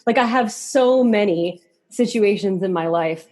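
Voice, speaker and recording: Speaking at a measured pace in a medium-pitched, darkish voice, this thirtysomething podcast guest keeps things casual and candid. She giggles often, says "like" a lot, and works as both a musician and a hairstylist.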